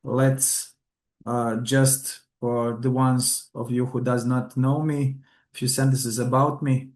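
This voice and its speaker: A man's voice: mid-range voice, flat delivery, slow, darkish tone. Hesitant man lecturing, echoey room. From Croatia. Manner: hesitant, many fillers and restarts. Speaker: trainer. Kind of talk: webinar lecture.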